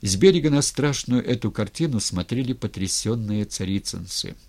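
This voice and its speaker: A man reading a historical novel aloud in an expressive, dramatic way. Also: fairly low pitch, normal speed. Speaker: narrator. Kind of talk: audiobook reading.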